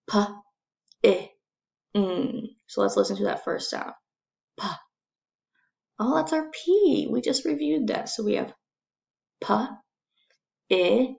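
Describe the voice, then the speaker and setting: A woman with a very creaky voice speaks like a kindergarten teacher in a recorded phonics lesson. She is encouraging and unhurried, repeating simple phrases and spelling out sounds distinctly. Her pitch moves in a lively way, and the recording is a little dull. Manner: sounds out letters and words slowly and distinctly.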